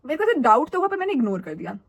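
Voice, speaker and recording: A young adult woman telling a school story in a chatty, animated and dramatic way for her vlog. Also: sits high, rapid-fire, gravelly. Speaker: vlogger.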